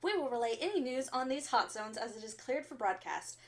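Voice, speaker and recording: In an acted role, a woman with a fairly high voice reads formal bulletins for an underground radio broadcast. She sounds composed and stern, weighing every phrase like an official announcer in a sci-fi radio drama, yet stays expressive and fairly quick. The overall mood is steady and reassuring.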